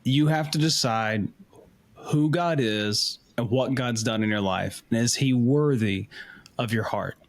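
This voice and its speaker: A man's voice: mid-range voice, measured pace. Emphatic man hosting a faith podcast. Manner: emphatic, encouraging. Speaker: podcast host. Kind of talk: podcast wrap-up and exhortation.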